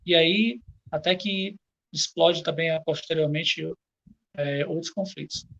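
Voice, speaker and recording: Hesitant, husky man on a call. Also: fairly high pitch, slow pace, a bit bright, lo-fi sound. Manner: hesitant, many restarts and repeated words. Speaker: history professor, guest. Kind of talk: academic live-stream discussion.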